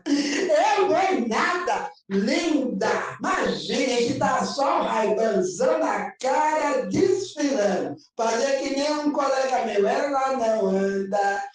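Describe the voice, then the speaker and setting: A woman pastor with a Brazilian Portuguese accent, preaching a lively, chatty sermon and often checking that the congregation follows her. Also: high-pitched, drawn-out words. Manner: animated and chatty, often asking listeners if they follow. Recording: echoey room recorded from far off.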